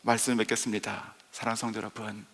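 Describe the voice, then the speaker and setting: Male pastor, sermon, emphatic, bright tone, reverberant church hall. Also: lowish voice, little pitch movement, racing, gravelly. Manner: emphatic preaching, acts out the father's voice. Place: church sanctuary.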